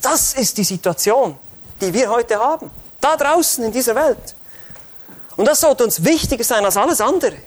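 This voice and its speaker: A man's voice: extremely high pitch, expressive, moderate pace. A man preaching an expository sermon in church, fervent and rising to urgent exhortation.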